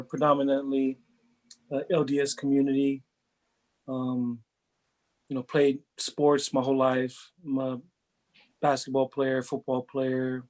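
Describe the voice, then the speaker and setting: A man's voice: mid-range voice, a little mellow. Earnest middle-aged man from Hawaii. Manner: earnest, reflective, repeats words as he thinks. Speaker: head football coach. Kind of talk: interview answers, casual chat.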